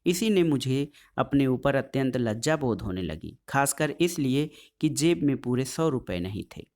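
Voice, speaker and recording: A man narrating a short story in the first person, measured and calm. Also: mid-range voice.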